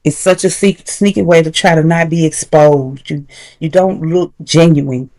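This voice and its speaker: A woman teaching confidence habits in a casual, encouraging way, slowing down to stress key points. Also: low voice, fairly even intonation, a little mellow. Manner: casual, encouraging, slows down for emphasis. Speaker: confidence coach. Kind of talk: motivational tutorial.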